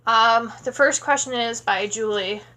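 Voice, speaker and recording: In a rough recording, a woman in her thirties from Wisconsin speaks at a measured pace in a high-leaning, bright, forceful voice. Sleepy and chatty, she rambles through a vlog Q&A with many fillers, talking into a tablet camera at close range in a small home room.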